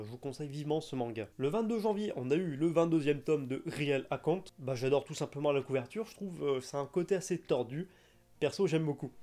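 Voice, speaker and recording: Young man, casual video host, chatty and enthusiastic, slightly high voice, mellow tone. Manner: chatty, enthusiastic, frequent hesitations. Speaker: manga news YouTuber.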